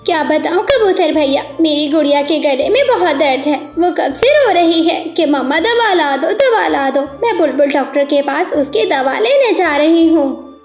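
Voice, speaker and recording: A woman voicing a caring mother sparrow in a cartoon, gentle and worried. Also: high voice, animated, measured pace. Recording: echoey room with music.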